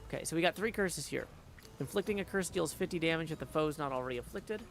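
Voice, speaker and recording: This male streamer chats fast and animatedly over video game music, his voice on the high side and fairly bright. He thinks out loud, occasionally hums little tunes, and there's a bit of hiss or hum in the recording.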